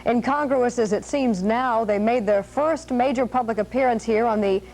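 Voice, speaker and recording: A woman's voice: fairly high pitch, normal speed, vocal fry, darkish tone, low-quality recording. A woman narrating a scripted news feature as anchor, polished and storytelling.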